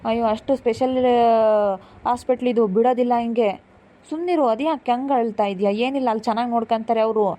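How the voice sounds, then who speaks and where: A woman playing an aunt who keeps hushing and comforting crying relatives at a hospital. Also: fairly high pitch, a little fast, close to an everyday voice. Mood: coaxing. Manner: soothing, coaxing, repeats "hush".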